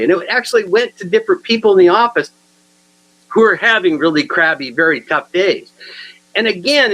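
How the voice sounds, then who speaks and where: A man giving a humorous keynote talk, telling funny anecdotes in an animated way and chuckling at his own stories. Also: high-pitched, low-quality recording. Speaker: humor speaker. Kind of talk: comic keynote storytelling.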